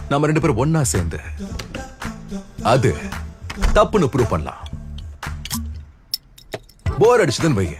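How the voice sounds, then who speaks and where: A man in a comedy skit, talking in a carefree, joking way that swings into loud exasperation. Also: fairly high pitch. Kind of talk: casual comic skit dialogue.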